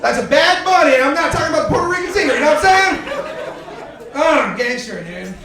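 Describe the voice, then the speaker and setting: A young man doing a stand-up comedy set in a comedy club, telling crude jokes with deadpan punchlines and bantering with the crowd. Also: very high-pitched, quick pace. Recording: echoey club from far off. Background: audience laughter.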